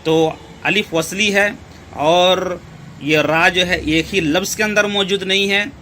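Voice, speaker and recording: Bright-voiced man teaching recitation rules. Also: high-pitched, fairly even intonation, slight background noise. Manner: slow, repetitive explaining with rhetorical questions. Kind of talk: step-by-step tajweed lesson.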